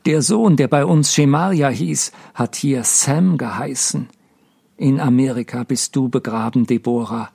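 A man voicing a weary, broken old father who speaks in a slow, mournful lament in an audiobook reading. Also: medium pitch, vocal fry, mellow, breathy edge, no echo, studio quality, voice pushed up. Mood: grieving.

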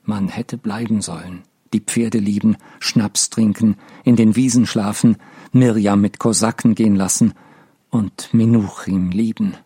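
A man reading an audiobook in a measured, sober narration. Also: fairly low pitch, fairly even intonation, warm tone, breathy edge.

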